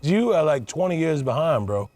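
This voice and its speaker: A man's voice: fairly high pitch, very animated, normal speed, a little mellow, dry recording. A man hosting livestream auditions in a casual comedic interview style, blunt, teasing and full of slang and swearing. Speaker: host judging auditions on a livestream.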